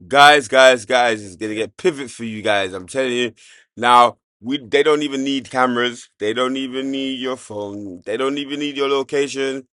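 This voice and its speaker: A man from hosting a casual commentary show, loose and joking, jumping from low mutters to loud outbursts. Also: normal speed, no room sound, studio quality. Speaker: show host.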